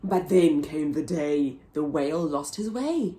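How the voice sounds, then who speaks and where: A woman reading a rhyming picture book aloud to children in a slow, sing-song way. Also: low voice, animated, mellow. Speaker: children's story reader.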